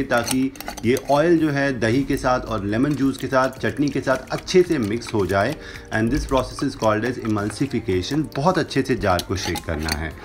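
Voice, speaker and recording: A young man with a medium-pitched voice narrates a recipe for his cooking channel, showing each step in an instructive way. He speaks Hindi laced with English phrases. He is in a home kitchen with a brick wall, and there is slight background noise.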